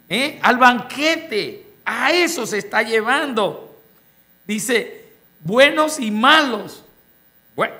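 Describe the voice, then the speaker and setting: A man's voice: high voice, sharp tone. A man preaching a sermon, reading scripture aloud and explaining it to the congregation, often asking them rhetorical questions. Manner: expository preaching, reads scripture then explains word by word. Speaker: pastor.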